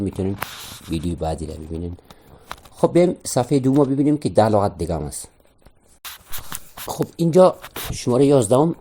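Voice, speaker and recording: A man gives an online vocabulary lesson, saying each word slowly and spelling out how it should sound. His voice sits fairly low, with a dark, mellow tone. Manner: patient, repeats words slowly and spells out pronunciation. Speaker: language teacher.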